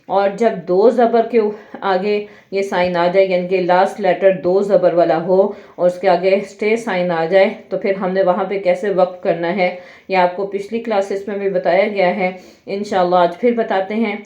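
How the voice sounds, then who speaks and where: Woman Quran reading teacher, spells out each syllable slowly, muffled echoey room recording. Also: medium pitch, steady tone, mellow. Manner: spells out each letter and vowel mark, then blends the word. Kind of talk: slow syllable-by-syllable drill with spoken explanations.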